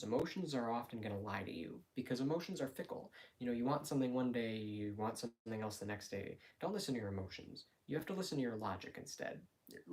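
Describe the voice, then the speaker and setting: A man talking casually and quietly on a late-night livestream from home, in a hesitant, rambling, reflective way. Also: mid-range voice, rough recording. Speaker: live streamer. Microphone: phone.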